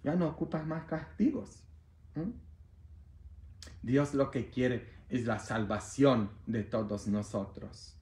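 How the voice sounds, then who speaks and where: A man preaching a sermon as a priest, playful and animated, with bursts of shouting. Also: mid-range voice, slow pace, long pauses. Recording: roomy echo.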